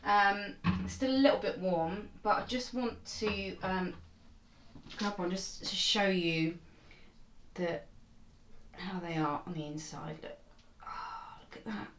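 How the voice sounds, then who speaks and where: Woman cooking host, unhurried and chatty, roomy kitchen sound from a distant mic. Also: mid-range voice, slight background noise. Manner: chatty, hesitant with many fillers. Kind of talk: casual cooking demonstration. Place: home kitchen. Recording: echoey kitchen, mic far off.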